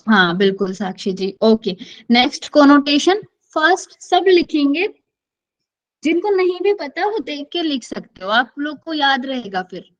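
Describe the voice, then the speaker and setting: A woman's voice: high-pitched, sing-song, unhurried, poor audio. A woman teaching an online class, calling on students by name and mixing Hindi with English words. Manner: quizzes students by name, switches often between Hindi and English.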